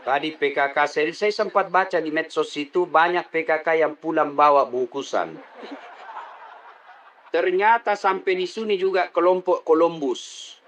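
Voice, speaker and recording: A man's voice: a little high, normal speed, fairly bright tone, slight background noise. A middle-aged man preaching a comedic sermon, teasing the crowd and leading call-and-response. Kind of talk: comedic sermon to a live audience.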